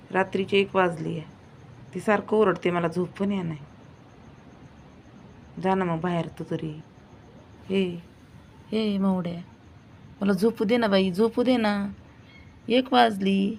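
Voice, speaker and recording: Tired woman vlogger at home after midnight, gravelly and sleepy, pleading again and again; slight background noise. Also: on the low side, darkish tone. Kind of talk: casual late-night vlog. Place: home at night, by the door.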